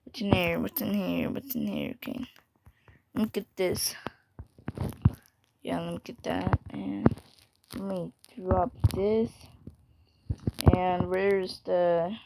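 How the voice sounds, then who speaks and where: A woman giving casual game commentary, calling herself dumb and swinging from whispers to sudden yells. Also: on the low side, steady tone, slow, vocal fry, pauses often, very noisy. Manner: self-mocking, jumpy, drops into whispers and sudden yells. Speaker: gamer.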